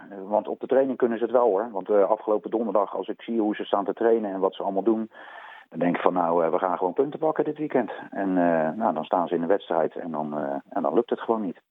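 A man speaking as a sports coach in an unscripted interview, colloquial and halting, often repeating words as he explains. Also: fairly low pitch, dry recording, narrow, tinny audio. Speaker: volleyball coach. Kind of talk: radio interview, unscripted analysis.

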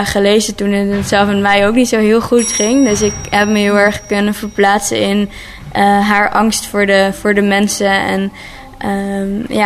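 A woman's voice: medium pitch, creaky, slight background noise. Woman author, hesitant and thoughtful. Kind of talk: interview and reading aloud.

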